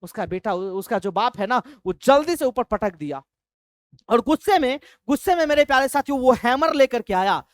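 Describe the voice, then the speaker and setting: A woman's voice: on the high side, expressive, normal speed, dry recording, studio quality. A woman teacher retelling a story for exam students, repeating key points and asking the class questions. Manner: repetitive, asks the class questions.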